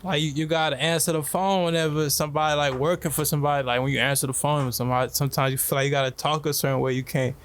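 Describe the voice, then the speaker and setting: A man's voice: on the high side, little pitch movement, rapid-fire, few pauses, fairly bright tone, slight background noise. A man co-hosting a casual chat, circling back and repeating himself as he explains. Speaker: podcast co-host.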